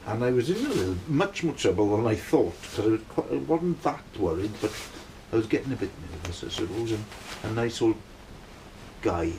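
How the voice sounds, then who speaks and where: Brisk and very animated, a middle-aged Welsh man with a low-side, darkish voice rambles through a long personal story as a band member. He keeps asking his listeners "right?", on a low-quality recording with slight background noise.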